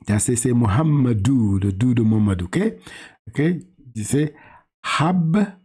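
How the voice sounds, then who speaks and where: This Senegalese man's mid-range voice is dark and husky, carrying a Senegalese French accent. Teaching a Quran reading lesson with patience, he lengthens syllables slowly, repeats and corrects himself, and restarts haltingly.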